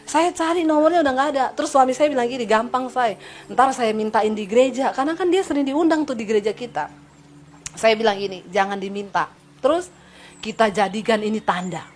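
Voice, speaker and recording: A woman's voice: fairly high pitch, fast talker, slight background noise. A woman preacher telling a personal testimony to her congregation, acting out the dialogue and calling the listeners "saudara". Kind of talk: sermon testimony.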